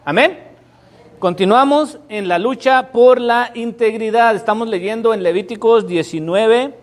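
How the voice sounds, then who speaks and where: High-voiced pastor preaching. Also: male voice, measured pace. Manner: emphatic, dramatic storytelling. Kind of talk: sermon. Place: church sanctuary before a congregation.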